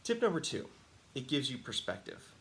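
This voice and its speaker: A man hosting a casual talking-to-camera monologue, telling stories in a chatty, animated way and laughing often. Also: medium pitch, moderate pace, gravelly, a little hiss or hum. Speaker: host.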